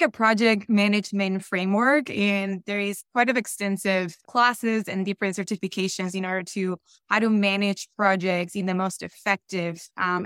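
A woman with a Colombian Spanish accent talks through her answers warmly and casually, with frequent fillers. Her voice is smooth and clear at a middle pitch, recorded dry. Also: dry recording. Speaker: podcast guest, real estate investor. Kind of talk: conversational interview answers.

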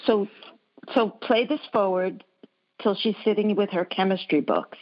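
A woman guest expert giving calm, earnest advice in an interview. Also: medium pitch. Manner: measured, earnest explaining. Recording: dull lo-fi sound.

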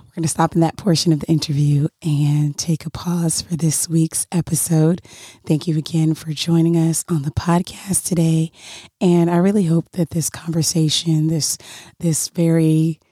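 Low, hoarse, froggy-voiced woman podcast host. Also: little pitch movement, dark tone, no echo, studio quality. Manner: earnest, halting, encouraging. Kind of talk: podcast sign-off addressed to listeners.

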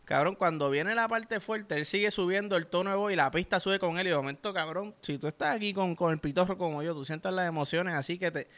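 An excitable young man with a Puerto Rican accent, reacting out loud to a track he hears through headphones. His voice sits fairly high and rings bright and forceful. He talks with heavy emphasis and swears constantly. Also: a little fast, few pauses. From Puerto Rico. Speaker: music reactor. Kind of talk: reaction commentary. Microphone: headphones while listening.

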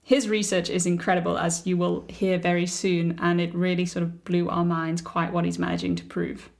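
A woman's voice: lowish voice, flat delivery, moderate pace, creaky. A young woman co-hosting a podcast, friendly and enthusiastic as she introduces a guest. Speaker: podcast co-host. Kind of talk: casual podcast chat.

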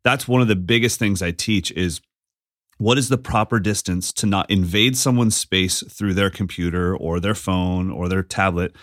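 A man co-hosting a casual podcast conversation, telling stories with animated energy and slipping into voices when he quotes people. His voice sits a little low for a man, recorded close and dry with no room sound. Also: normal speed, no room sound. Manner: animated storyteller, acts out quotes. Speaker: podcast co-host. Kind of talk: casual chat.

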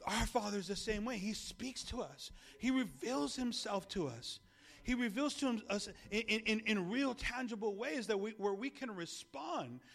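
High-voiced, gravelly man preaching a sermon. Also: lively intonation, normal speed, a bit bright. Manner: conversational preaching with repeated restarts; calls the congregation to repeat words. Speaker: pastor.

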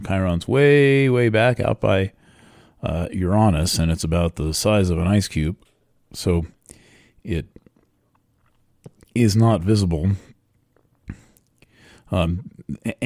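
A man talks through the astrology of the moment in a loose, rambling monologue, pausing often and filling the gaps with ums. His voice sits very low and mellow, and his pace is slow and deliberate. The sound is close and dry, with no room around it. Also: dry recording. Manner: rambling, unhurried, with many fillers and pauses. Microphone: studio microphone.

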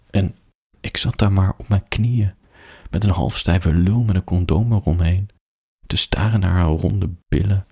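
Deep, husky man reading softly at bedtime. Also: dry recording, clean studio sound. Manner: soft, slow and intimate, drifting into whispers. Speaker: storyteller reading to listeners. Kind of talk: intimate bedtime story reading.

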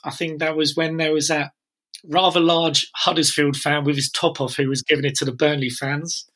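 A man's voice: on the high side, little pitch movement, normal speed, a bit bright. A man from the London area telling a meandering football story in casual chat, with many fillers. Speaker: podcast co-host.

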